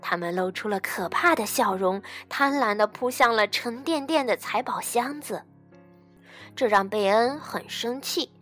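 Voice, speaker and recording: A woman narrating a children's story with an expressive, lively storybook delivery. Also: a little high, measured pace, soft background music.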